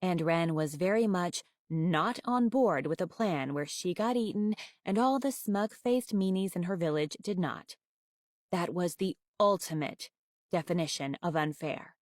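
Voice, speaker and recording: Lady reading a kids' book out loud, low voice, dry close sound, kinda wry. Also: a little slow, dry recording. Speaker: storyteller. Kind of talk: reading a children's novel aloud.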